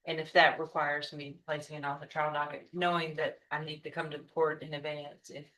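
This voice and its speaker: A woman's voice: low-pitched, level tone, fairly quick, fairly bright tone, poor audio. A woman speaking as prosecutor in a courtroom, choosing her words carefully. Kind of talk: courtroom address.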